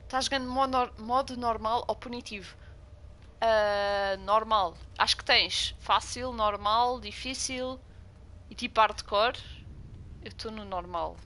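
A young Portuguese woman with a strong European Portuguese accent streams a game and chats with her viewers in casual commentary. Her voice is a little high and sharp, with a steady tone and measured pace. When something startles her, she jumps and swears.

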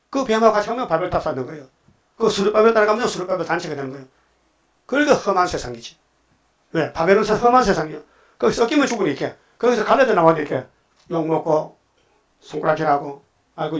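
A male pastor preaching a sermon, emphatic and full of rhetorical questions to the congregation, sometimes acting out quoted voices. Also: high-pitched. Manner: acts out quoted voices of God and the devil.

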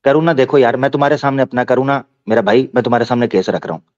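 A man's voice: mid-range voice, very fast, a little mellow. A man from Pakistan hosting a heated online debate, combative and mocking, often talking over the others. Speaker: debate host. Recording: lo-fi call audio.

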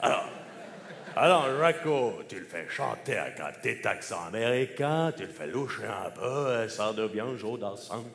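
A man's voice: fairly low pitch, expressive, normal speed, vocal fry, few pauses, a bit bright. A man performing a comedy sketch on stage, jumping between many impressions and snatches of song. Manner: jumps between many celebrity impressions, singing bits. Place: large theatre stage. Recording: hall reverb with live audience.

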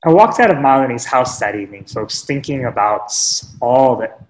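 A man telling a reflective story in a webinar talk, earnest and unhurried, with pauses and small restarts. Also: mid-range voice, lively intonation, echoey room, slight background noise, poor audio. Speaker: webinar speaker sharing teaching stories. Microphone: webinar microphone.

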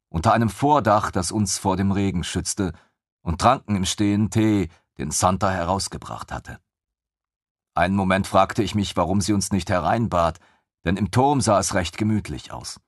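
Low, husky male storyteller. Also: no room sound, studio quality. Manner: measured storytelling, first person. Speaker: audiobook narrator. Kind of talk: scripted narration.

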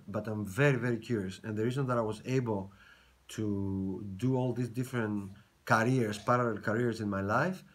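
A man in his forties, from Greece, answering interview questions about his career and giving earnest advice, repeating words for emphasis, recorded in a bright indoor room. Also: medium pitch. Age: 40s. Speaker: fashion lecturer.

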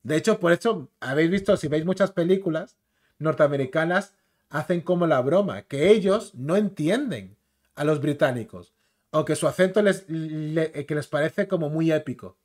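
A slangy, chatty man from the Canary Islands talks through a video clip in a relaxed commentary style. His voice sits a little high for a man, and he keeps dropping filler tags into his sentences. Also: moderate pace. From Canary Islands, Spain. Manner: chatty, slangy, keeps tagging phrases with "tío" and "¿vale?". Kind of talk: casual commentary reacting to a clip.

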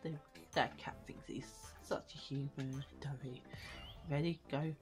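A woman's voice: rumbling low, steady tone, a little slow, over music. A woman giving casual gameplay commentary, squealing with delight at cute things and muttering asides under her breath. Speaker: gaming video creator.

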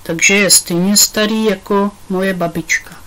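A woman's voice: medium pitch, steady tone, a bit bright, natural voice, rough recording. A woman reading aloud, voicing an earnest schoolboy who explains things to his class in a storybook.

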